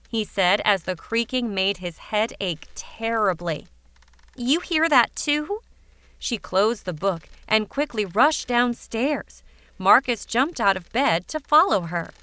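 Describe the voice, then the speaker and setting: A woman narrating a fairytale audiobook in a measured, even way. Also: medium pitch, clear, resonant tone, no room sound. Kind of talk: scripted storybook narration.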